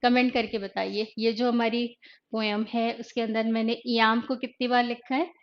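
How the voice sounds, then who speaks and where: A woman's voice: on the high side, little pitch movement. A woman English teacher giving an online exam-prep lecture. She mixes Hindi and English and explains by asking questions and then answering them herself. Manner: reads poetry slowly and deliberately. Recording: dull lo-fi online class audio.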